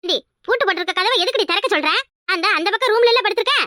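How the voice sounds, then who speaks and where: Shrill scolding Kanyakumari mother-in-law. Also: expressive, rapid-fire, bright, forceful tone, no echo, studio quality, heavily acted. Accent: Kanyakumari Tamil. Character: sharp-tongued older village mother-in-law. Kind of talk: cartoon voice acting.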